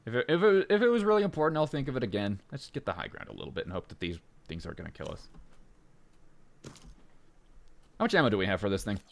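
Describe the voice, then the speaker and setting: A man casually commenting on his gameplay in a rambling way, full of fillers and self-interruptions, jumping up in pitch when excited. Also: fast talker, gravelly, pauses often. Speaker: let's play gamer.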